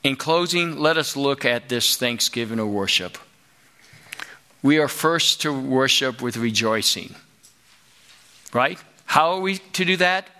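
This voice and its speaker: A middle-aged man preaching a sermon, slow and emphatic, rising to loud exclamations. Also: mid-range voice, lively intonation.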